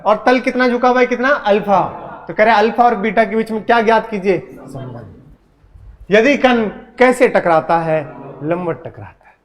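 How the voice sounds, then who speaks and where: A man's voice: high voice, quick pace. A man teaching a physics class, who teases his students and keeps asking them questions. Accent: Hindi. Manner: teasing, asks the class questions. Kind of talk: classroom lecture.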